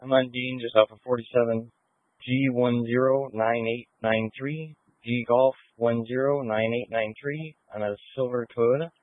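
A man's voice: medium pitch, fairly even intonation, moderate pace, dry recording. A man working as a patrol officer, calling in locations and plates in terse radio phrases. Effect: two-way radio. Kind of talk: terse radio call-ins. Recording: tinny narrowband police radio audio.

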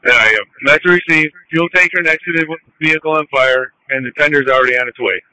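A man speaking as a fire battalion chief over two-way radio, brisk and commanding in urgent firefighter traffic. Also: a little high, pushed and bright, no echo, rough recording. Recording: close dry two-way radio transmission.

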